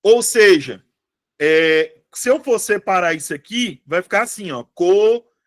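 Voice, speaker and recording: A man's voice: high-pitched, animated, measured pace, fairly bright tone. Chatty man teaching live online. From Brazil. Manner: chatty, asks students constant checking questions. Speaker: Portuguese teacher for civil service exam prep.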